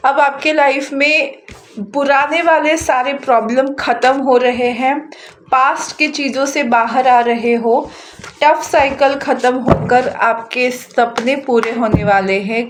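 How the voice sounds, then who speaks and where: A woman giving a casual tarot card reading. She chats freely, laughs often, and reads the card messages aloud slowly. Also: on the high side, noisy background. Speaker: tarot reader.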